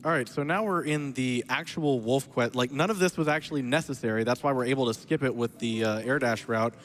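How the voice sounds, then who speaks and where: A man's voice: medium pitch, a little fast, a little hiss or hum. Guy doing live speedrun commentary while playing, casual and chatty, explains stuff, bit playful. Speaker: speedrunner narrating own run.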